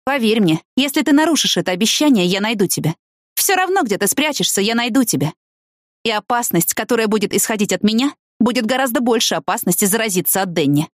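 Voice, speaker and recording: A woman voicing a calm, firm adult woman who speaks slowly and clearly on the phone. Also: fairly high pitch, no echo, studio quality, lightly acted. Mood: threatening. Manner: slow, clear, coolly insistent.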